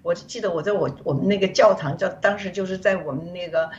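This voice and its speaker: Chinese woman guest rambling through her faith story, kinda low voice, sounds far off and muffled. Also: fairly even intonation, fast talker, a little mellow. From China. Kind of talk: personal faith testimony. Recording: distant, dull, faint rumble.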